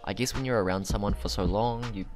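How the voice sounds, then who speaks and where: A man's voice: lowish voice, quick pace, a little mellow, soft background music. A man hosting a casual video commentary, thinking aloud and correcting himself as he speculates conversationally. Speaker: YouTube anime commentator and host.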